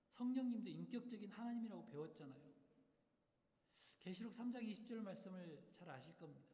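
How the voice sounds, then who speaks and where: A man's voice: high voice, dark tone. A male pastor delivering a sermon, emphatic and full of rhetorical questions to the congregation. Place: church sanctuary. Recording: echoey hall, long reverb.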